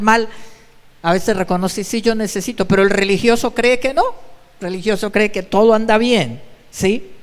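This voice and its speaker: A man's voice: high voice, in a large hall. A male pastor giving an emphatic sermon, repeating his exhortations. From Colombia. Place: church.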